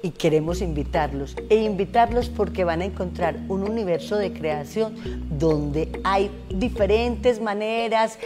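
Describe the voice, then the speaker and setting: A woman's voice: mid-range voice, a little slow. A woman, a program organizer, giving an enthusiastic invitation with repeated phrases. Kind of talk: promotional invitation. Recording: music clearly underneath.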